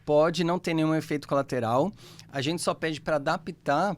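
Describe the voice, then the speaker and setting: A Brazilian man with a Brazilian Portuguese accent and a somewhat high voice speaks as an instructor on a podcast. He explains patiently and tags his sentences with little checks for understanding. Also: normal speed. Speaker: guest therapy instructor. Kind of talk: podcast interview.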